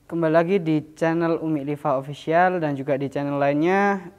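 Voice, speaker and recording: A man's voice: a little high, steady tone, normal speed. A man hosting a spiritual mystery channel in casual chat, loose and talkative with many fillers and frequent laughs.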